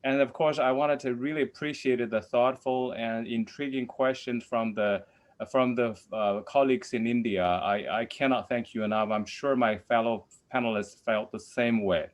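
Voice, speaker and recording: A man's voice: mid-range voice, normal speed. A man on a webinar panel giving gracious, formal closing thanks. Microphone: video call.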